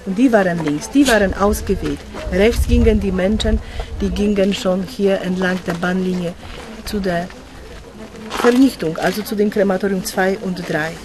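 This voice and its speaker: An older woman, a former teacher, guiding school groups outdoors at a memorial site, speaking earnestly with halting phrasing. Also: mid-range voice, poor audio. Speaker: tour guide for school groups. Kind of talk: on-site explanation. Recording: outdoor street noise.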